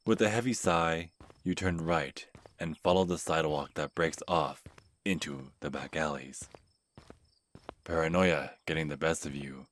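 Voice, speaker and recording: Very deep-voiced man narrating horror. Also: fairly bright tone. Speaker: narrator and channel host. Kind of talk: scripted second-person horror narration.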